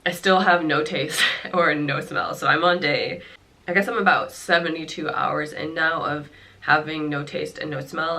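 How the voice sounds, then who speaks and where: Speaking from home with a stuffy, nasal voice, this young vlogger rambles to the camera about how she's been feeling while sick, dropping fillers and small laughs. Her voice sits low and has a sharp edge.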